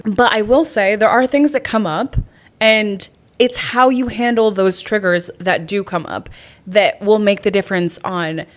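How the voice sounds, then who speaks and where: A young woman hosting a podcast, talking through relationship advice in a reflective, confessional way with lots of "like" fillers. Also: mid-range voice. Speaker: podcast host. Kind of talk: candid relationship advice monologue.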